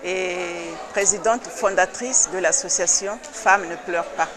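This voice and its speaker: A woman from the Republic of the Congo, president of an association, answering interview questions earnestly and insistently, with hesitant pauses. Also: on the low side, a crowd in the background.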